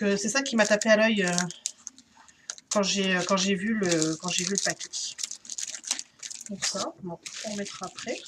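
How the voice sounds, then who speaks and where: Woman, slow chatty vlogger, a bit high, light background noise. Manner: chatty, hesitant, many fillers. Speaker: YouTuber. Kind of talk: casual haul vlog.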